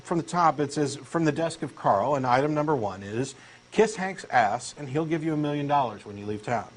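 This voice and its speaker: On a low-quality recording, a Texan-accented man of medium pitch reads his part in a comic dialogue with lively intonation at a fairly quick clip. As a co-host in this dramatic reading, he's an eager, insistent believer, earnest and pushy.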